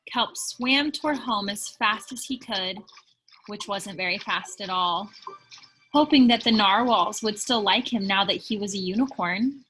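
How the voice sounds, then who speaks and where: A woman reading a children's picture book aloud in an expressive storytelling style. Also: medium pitch, measured pace, a little hiss or hum, rough recording. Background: music behind the voice.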